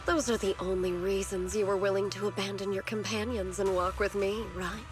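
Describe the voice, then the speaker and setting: A woman's voice: medium pitch, steady tone, a little fast, over music, lightly acted. A woman voicing a fanatical, scheming villainess in a game, theatrical and condescending in her delivery. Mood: smug, mocking. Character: fanatical scheming female villain devoted to a Creator. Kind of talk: scripted video game voice acting.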